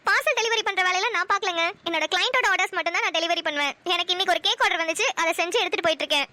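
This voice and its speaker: A self-made young businesswoman from a cartoon, reserved and wary of strangers, as a woman plays her. She speaks fast in a very high, bright voice. She sounds firm and guarded. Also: no room sound. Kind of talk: cartoon voice acting.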